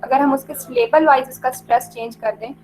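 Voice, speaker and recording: High-voiced woman teaching in mixed Hindi-English. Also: steady tone, a little mellow, a little hiss or hum, rough recording. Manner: explains slowly, many fillers, mixes English terms into Hindi. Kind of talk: online lecture.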